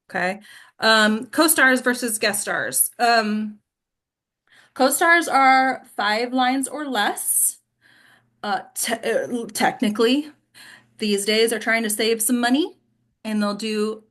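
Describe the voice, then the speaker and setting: A woman acting coach teaches in a casual question-and-answer style, direct and instructive, often checking understanding with short tag questions. Her voice is medium-pitched with a fairly bright tone.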